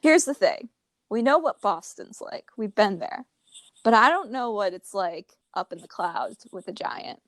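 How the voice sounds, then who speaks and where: A woman's voice: medium pitch, big pitch swings, a little slow, a bit bright, no echo. A young woman co-hosting a casual podcast, playful and jokey, laughing often. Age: young adult. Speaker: podcast co-host. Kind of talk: casual chat.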